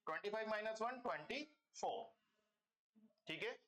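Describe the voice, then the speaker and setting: Guy teaching math online, high voice, keeps asking students if they follow, echoey room. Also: animated, normal speed, a bit bright, a little hiss or hum. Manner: explains step by step with many check-ins to students; calls students "beta" and "bachcho". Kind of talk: online class lecture.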